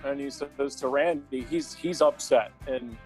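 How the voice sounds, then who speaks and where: A man's voice: mid-range voice, a little slow, a little mellow, soft background music. Chatty man telling a story. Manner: chatty, filler-heavy storytelling. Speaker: guest. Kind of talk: casual anecdote.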